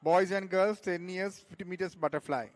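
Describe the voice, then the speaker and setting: A man announcing event call-ups over a PA loudspeaker at a swimming meet, in brisk, clipped call-outs heard from a distance. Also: sits high, fairly even intonation. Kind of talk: public address announcements. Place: indoor or poolside swimming venue.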